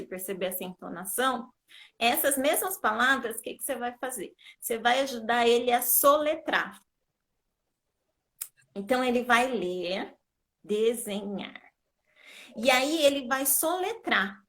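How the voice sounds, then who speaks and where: Patient teacher lady on a video call, kinda high voice, keeps checking you got it. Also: fairly bright tone. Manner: patient, explanatory, checks understanding often. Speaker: literacy educator. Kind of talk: live video call lesson.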